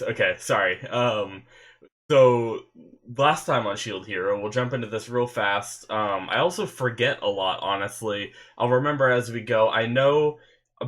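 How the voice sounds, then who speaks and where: Sitting at his bedroom desk with a webcam setup, an anime reaction host, young and stuffy-nosed, talks to the camera in a medium pitch. His chat is casual and excitable, wandering along with plenty of fillers and false starts.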